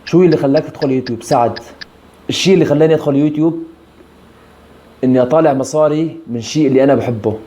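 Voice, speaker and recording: Warm in tone and fairly high in pitch, a young man rushes through his words. He's a YouTube creator in his twenties from Aleppo, Syria, with a Syrian Arabic accent, casually replying to follower questions in a vlog.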